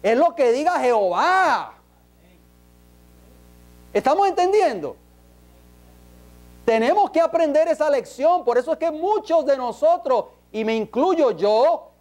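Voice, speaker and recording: A man's voice: very high-pitched, animated, a little slow, a little mellow. A man preaching an emphatic sermon in a church, peppering the congregation with rhetorical questions.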